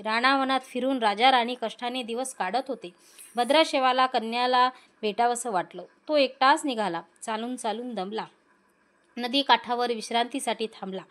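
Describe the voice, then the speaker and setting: A woman narrating a devotional folk story in a steady, measured way. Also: a little high.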